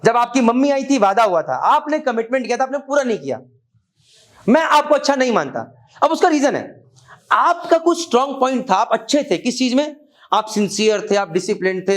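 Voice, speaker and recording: Stern high-voiced man lecturing. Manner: stern, scolding, mixes Hindi and English. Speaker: academy head addressing students. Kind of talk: motivational classroom lecture.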